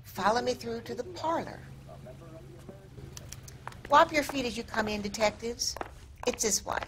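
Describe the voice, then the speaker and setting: Prim, high-voiced boarding house landlady. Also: expressive, a little slow, noisy background. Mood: polite, guarded. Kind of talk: video game drama acting.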